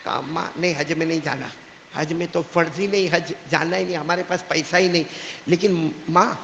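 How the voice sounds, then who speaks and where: A man's voice: fairly high pitch, fairly even intonation, creaky, fairly bright tone, muffled recording, a little hiss or hum. A male preacher voicing an eager, pleading ten-year-old boy. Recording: echoey hall reverb.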